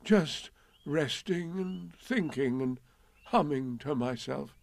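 Storybook toy bear: slow, hesitant, self-pitying, voice swooping up into plaintive worry. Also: male voice, medium pitch, animated, vocal fry, dark tone, full character voice. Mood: feigned carelessness. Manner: hesitant, plaintive, drawn-out delivery.

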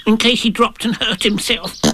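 A man's voice: high-pitched, steady tone, normal speed, pushed and bright, a little hiss or hum, pitched above the performer's own voice. A man voicing a timid little male piglet in a storybook, nervous and fretful.

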